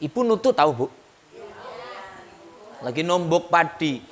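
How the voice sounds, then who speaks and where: A man's voice: fairly high pitch, big pitch swings, unhurried. A male preacher giving a humorous sermon to a women's gathering, chatty and joking as he speaks directly to his listeners.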